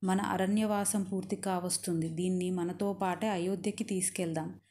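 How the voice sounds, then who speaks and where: A woman voicing a passionate, headstrong young royal woman in a storytelling reading, slow and emphatic. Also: fairly low pitch, fairly even intonation, mellow, lightly acted. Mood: longing. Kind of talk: storytelling narration.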